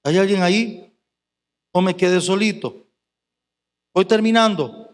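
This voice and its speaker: A man's voice: high voice, unhurried, long reverb tail. A male pastor preaching a fervent sermon, firing rhetorical questions at the congregation.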